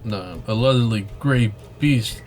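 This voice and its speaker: A man's voice: lowish voice, unhurried, darkish tone, faint music behind. Man reading a story game aloud. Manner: reads narration with joking asides. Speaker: game streamer.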